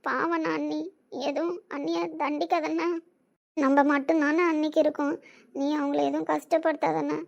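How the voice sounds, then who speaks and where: A woman voicing a gentle young sister who pleads softly with her older brother. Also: sits high, little pitch movement, moderate pace, vocal fry, muffled recording. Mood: pleading. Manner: pleading, soft.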